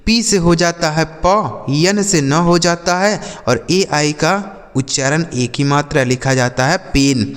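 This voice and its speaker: A man teaching an English phonics lesson, spelling out letters and then sounding out each word, often asking the viewer questions. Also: fairly high pitch. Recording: long hall reverb.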